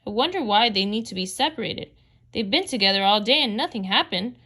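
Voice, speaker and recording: A woman's voice: medium pitch, animated, brisk, bright, forceful tone. A woman voicing a chatty, literal-minded housekeeper in a storybook read aloud, with homey folksy phrasing. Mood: puzzled.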